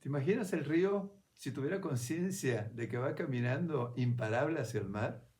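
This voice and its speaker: A spiritual speaker with a darkish, medium-pitched, animated voice talks reflectively and without hurry, like a conversation. He often checks in with his listener and restarts phrases while thinking aloud.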